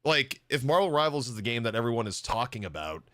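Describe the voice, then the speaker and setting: A man co-casting an esports stream in casual chat, joking and telling animated stories. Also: medium pitch, quick pace, dry recording, clean studio sound.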